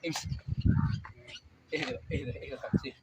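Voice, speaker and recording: Egyptian man, fast, soothing and pleading, outdoors street outreach, loud street noise. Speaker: charity founder helping a homeless man. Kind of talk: coaxing street outreach talk.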